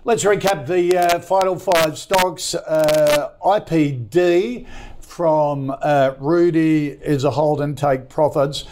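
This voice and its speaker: A man hosting a finance chat show and recapping stock picks in a relaxed, steady way. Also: on the high side, slow. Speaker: show host.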